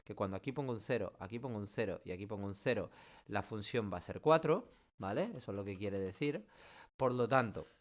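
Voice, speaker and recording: A man's voice: lowish voice, brisk, dull audio. A man, a math teacher working through student questions in an online class, explaining step by step and checking in often. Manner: patient, explains step by step, keeps checking with "¿vale?".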